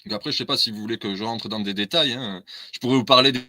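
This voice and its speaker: A man's voice: mid-range voice, fast talker, sharp tone. A man, a guest in a casual discussion, explaining his views earnestly and at length.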